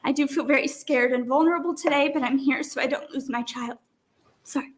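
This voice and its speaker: Emotional mother, middle-aged, high voice, testimony with a shaking delivery. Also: fast talker. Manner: emotional, voice breaking, tearful. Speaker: parent testifying at a hearing. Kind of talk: public testimony.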